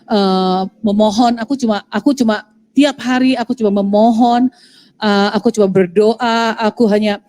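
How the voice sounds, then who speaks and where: A woman telling an emotional personal testimony, halting with fillers and restarts. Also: fairly high pitch, fairly even intonation, mellow, slight background noise. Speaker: guest sharing testimony.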